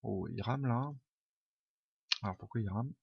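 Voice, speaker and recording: A man's voice: lowish voice, measured pace, vocal fry, breathy edge, no room sound. Hesitant man thinking aloud. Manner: hesitant, many "euh" fillers, thinks aloud; informal, self-deprecating. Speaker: programming tutor. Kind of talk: unscripted screen-recorded coding tutorial. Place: home room. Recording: dull lo-fi home mic, dry.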